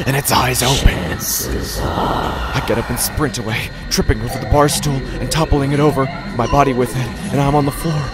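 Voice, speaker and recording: A man with a mid-range voice plays a desperate gambler coming apart, narrating a horror audio drama in the first person. His lightly acted delivery is halting, haunted, and dramatic.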